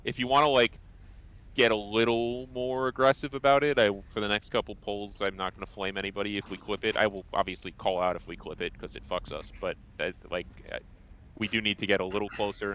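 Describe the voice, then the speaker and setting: A man with a New Jersey accent leading a raid, calmly explaining strategy over voice chat. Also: on the low side, a little fast, slight background noise. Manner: calm, instructive, many fillers. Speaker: raid leader. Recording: dull lo-fi voice chat.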